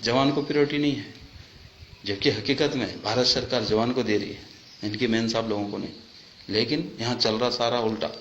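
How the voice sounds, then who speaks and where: Soldier, male, mid-pitched, indignant rhetorical rant; echoey, muffled recording. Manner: indignant, rhetorical questions, rising to near shouts. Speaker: army soldier. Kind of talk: impassioned complaint to camera. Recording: echoey, dull, faint background hum.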